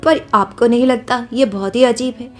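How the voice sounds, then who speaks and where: A woman's voice: a little high, steady tone, moderate pace, faint music behind, lightly acted. A young woman voicing a caring, coaxing daughter-in-law in a cartoon story. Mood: sweet.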